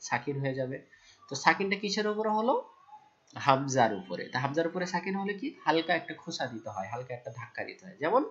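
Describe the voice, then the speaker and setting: A man teaching Quran recitation rules, asking his own questions, answering them, and reciting verses slowly and loudly. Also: fairly high pitch, big pitch swings, lo-fi sound. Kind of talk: Quran tajweed lesson.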